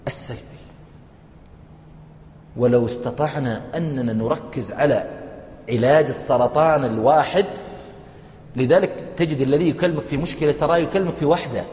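A man's voice: medium pitch, normal speed, long pauses, a little mellow, slight background noise. A man with a Gulf Arabic accent giving a live sermon as a preacher and counselor, talking in a conversational way with rhetorical questions. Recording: echoey hall.

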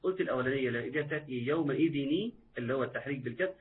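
A man's voice: mid-range voice, rapid-fire. Egyptian man teaching recitation over a tinny line. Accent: Egyptian Arabic. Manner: patient, repeats words and quizzes viewers. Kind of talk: live online recitation lesson.

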